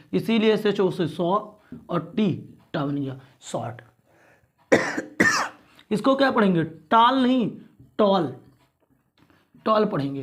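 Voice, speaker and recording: A high-voiced male teacher leads a pronunciation drill, repeating every word, asking time after time how it should be read, and clearing his throat often.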